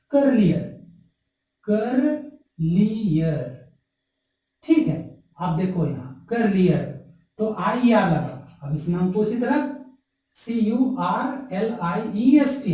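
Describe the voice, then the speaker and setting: A man teaching a grammar lesson, explaining slowly and spelling words out letter by letter. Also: sits high, mellow. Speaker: English teacher. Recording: very echoey room, voice from far off the mic.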